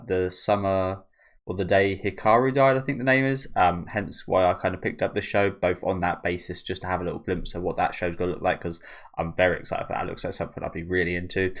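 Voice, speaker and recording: A man's voice: low voice, brisk. A man giving casual, rambling reaction commentary as the host of a video channel.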